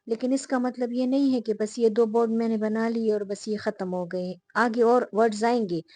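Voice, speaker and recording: A woman teacher explaining a lesson to her viewers, repeating the key terms slowly and pausing often with fillers. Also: mid-range voice, mellow, no room sound. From Pakistan.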